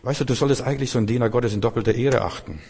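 A man's voice: mid-range voice, very fast, a little mellow, slightly rough. A man preaching a sermon in German, telling his own story in a rambling way and often repeating words. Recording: reverberant hall.

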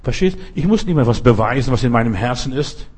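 A man delivers a sermon in a husky, slightly rough voice at an ordinary pitch. He presses his points hard and turns often to address the listener directly. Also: animated, fast, darkish tone. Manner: emphatic, talks straight to the listener. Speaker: preacher.

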